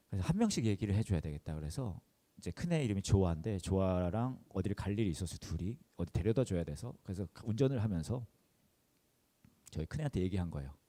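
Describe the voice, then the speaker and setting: Earnest man preaching with a lively voice. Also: on the low side. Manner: earnest, emotional personal storytelling. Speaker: pastor. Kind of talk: sermon. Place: church service.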